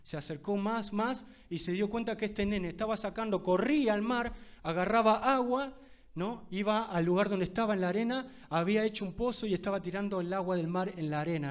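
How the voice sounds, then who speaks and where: A man's voice: high voice, fairly quick. A man with a Rioplatense Spanish accent preaching a fervent sermon, checking in with the congregation often and closing in prayer. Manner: ends in a spoken prayer.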